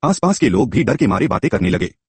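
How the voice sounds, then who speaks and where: A man tells a story aloud in a scripted, storybook manner, reading the characters' lines himself. His voice is husky and breathy, and his pitch moves a lot. The recording is dry and close, with no room sound. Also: sing-song, fast talker, no room sound. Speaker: narrator.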